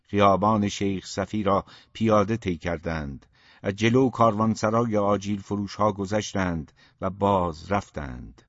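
A man narrates a literary novel in a steady, measured way. His voice sits low. The recording is muffled, with a dry, close sound. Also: no room sound. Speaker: audiobook narrator.

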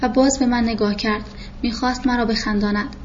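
A woman narrating a novel in a steady, even storytelling manner. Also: fairly high pitch, lo-fi sound, slight background noise. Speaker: audiobook narrator.

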